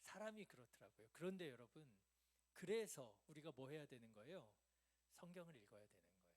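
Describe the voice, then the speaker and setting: Korean pastor preaching a lively sermon. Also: male voice, on the high side, fairly quick. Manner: conversational preaching, asks the congregation questions and answers them. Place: church sanctuary.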